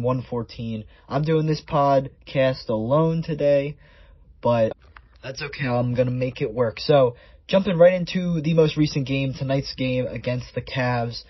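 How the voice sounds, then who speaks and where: A man's voice: mid-range voice, husky, no echo. A man hosting a solo sports podcast in a conversational, stat-by-stat way, his voice sounding muffled and underwater. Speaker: podcast host.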